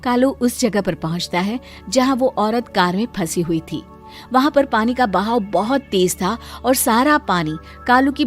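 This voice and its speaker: A woman narrating a cartoon story in a steady, plain storytelling voice. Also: mid-range voice.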